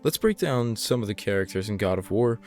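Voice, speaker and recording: A man's voice: fairly low pitch, expressive, brisk, a little mellow, soft background music. A man delivering scripted explainer narration as the narrator of a video essay.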